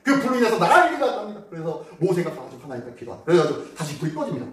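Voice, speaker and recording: High-voiced pastor preaching in an echoey church. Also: male voice, racing, distant mic. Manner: animated storytelling, acts out quotes and asks the congregation questions. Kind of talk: sermon. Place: church sanctuary. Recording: very echoey hall, voice from afar.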